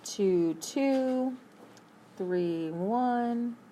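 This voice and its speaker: A woman teaching a math class, brisk and upbeat, asking her students questions as she works through problems. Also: on the high side, animated, warm tone, a little hiss or hum. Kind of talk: classroom lesson.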